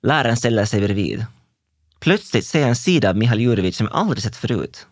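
Young male narrator, intense and introspective, dry close sound, animated delivery. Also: medium pitch, dry recording. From Finland. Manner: intense, introspective present-tense telling. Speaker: dancer telling his own story. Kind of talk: scripted first-person narration.

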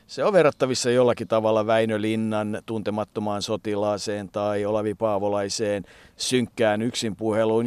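A man's voice: lowish voice, darkish tone, clean tone, no echo. A man hosting a talk show, reflecting thoughtfully on a radio writer's career. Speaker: host. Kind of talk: casual talk.

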